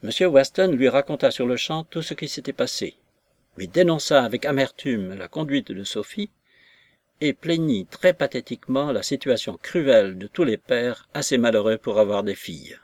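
A man narrates a classic novel in a measured, literary way. His pitch sits in the middle range. The recording is dry and close, with no room sound. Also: lively intonation, no echo.

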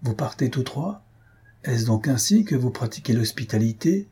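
A sly old beggar in a read-aloud storybook, voiced by a man with a deep husky, mellow tone. He speaks in a wheedling, reproachful way. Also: expressive, moderate pace.

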